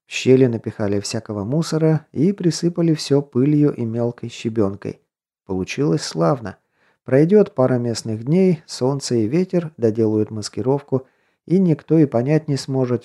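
A man's voice: mid-range voice, expressive, normal speed, warm tone. A man narrating a science-fiction audiobook in the first person, in a wry, conversational way with casual slang.

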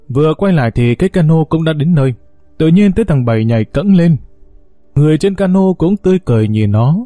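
A male storyteller reads a first-person tale in a steady, unhurried way. His voice is mellow and darkish, and the recording is dry and close, with no room sound. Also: mid-range voice, no echo. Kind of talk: scripted story narration.

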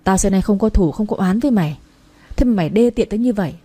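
Woman reading as a drunk heartbroken young man, slurred, bitter, husky low tone, storybook reading. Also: lively intonation, fast talker, dark tone, lightly acted. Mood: furious.

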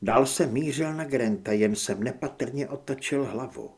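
A man reading a tense first-person audiobook narration in a steady voice. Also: mid-range voice. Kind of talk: scripted narration.

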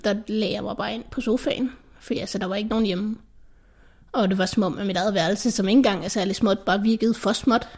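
A teenage girl telling her own story, earnest and halting, at times dropping into a soft whisper. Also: medium pitch, fairly even intonation, breathy edge. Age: teens. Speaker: interviewee recounting an anxiety attack. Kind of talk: personal testimony in a radio documentary.

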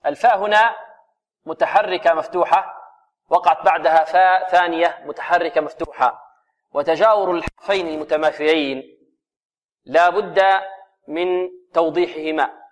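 A man teaching Quran recitation rules on a radio lesson. He recites verses slowly and explains by asking questions and answering them himself. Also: on the high side, steady tone. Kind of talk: tajweed lesson on a radio program.

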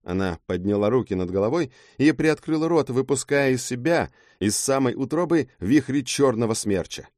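A man's voice: mid-range voice, lively intonation, moderate pace, few pauses, darkish tone, dry recording, clean studio sound. A man narrating a fantasy audiobook in the first person with a dramatic delivery.

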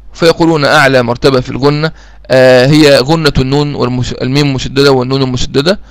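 Gravelly Egyptian man teaching slowly. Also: mid-range voice. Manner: repetitive, drills key phrases, asks listeners if they follow. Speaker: Quran recitation teacher. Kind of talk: explanatory lesson.

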